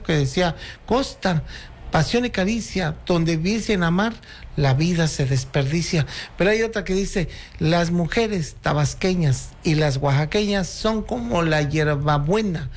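A man's voice: sits high, a little slow. A man in his sixties from Oaxaca with a Mexican accent, telling stories and reciting verses as a guest on a chat show. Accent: Mexican Spanish. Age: 60s. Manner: proud, storytelling, recites verses. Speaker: guest, cultural promoter. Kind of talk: casual radio chat.

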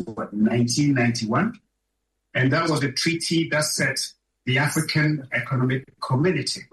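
Speaking emphatically at a conference, a man whose voice is a touch high and slightly bright keeps posing rhetorical questions to his listeners. The mic is distant and the space reverberates.

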